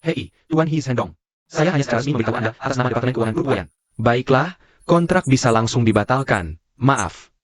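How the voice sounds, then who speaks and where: A man's voice: mid-range voice, lively intonation, quick pace, no echo, clean studio sound, lightly acted. A man dubbing a TV drama role: a company official giving a formal, businesslike notice. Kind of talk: Indonesian dub of a TV drama.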